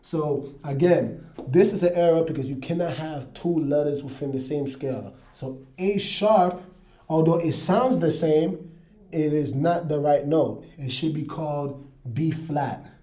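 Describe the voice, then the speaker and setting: Male music teacher, unhurried and laid-back, voice on the higher side, faint music underneath. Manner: relaxed, checks in with "all right, you guys". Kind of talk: casual online music lesson.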